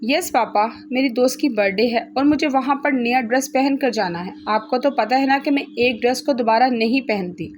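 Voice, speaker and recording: A woman's voice: a little high, normal speed, hardly any pauses, slight background noise, natural voice. A woman voicing a spoiled, bossy rich young woman who scolds sharply. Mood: pleading.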